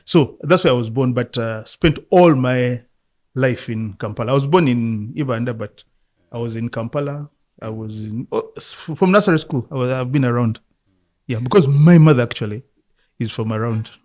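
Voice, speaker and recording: A man from Uganda in his fifties, a football coach, telling his life story in a relaxed interview, reflective and often laughing. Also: medium pitch, moderate pace. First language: Luganda.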